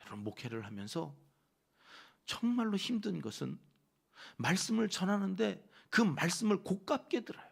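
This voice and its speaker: Gravelly-voiced Korean pastor preaching. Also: male voice, high voice, moderate pace. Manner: animated, acts out quoted voices, asks the congregation questions. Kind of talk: dawn service sermon. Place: church sanctuary.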